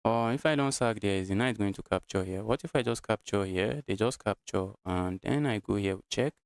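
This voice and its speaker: A man's voice: fairly low pitch, moderate pace, clean tone, no echo, clean studio sound. A Nigerian man streaming live chess, thinking his moves aloud and repeating his phrases as he goes. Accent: Nigerian English.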